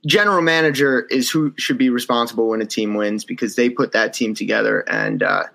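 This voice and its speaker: A man's voice: mid-range voice, brisk, gravelly, fairly bright tone, rough recording. A man with a mid-range voice guests on a sports podcast. He rambles and corrects himself mid-sentence while working through his point. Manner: thoughtful, rambling, self-correcting. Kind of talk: casual sports talk.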